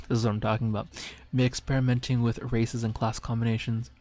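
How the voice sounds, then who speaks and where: A man's voice: mid-range voice, little pitch movement, brisk, a little mellow. A man streaming as a dungeon master, chatting casually and rambling with frequent laughs and self-mocking asides. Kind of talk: casual stream chat reviewing memes. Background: faint background music.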